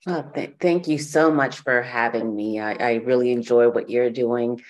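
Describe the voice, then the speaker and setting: A woman's voice: extremely low pitch, normal speed. Lady guest chatting about growing up, easygoing, lots of ums. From Bahamas. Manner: relaxed storytelling with frequent fillers. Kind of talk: podcast interview.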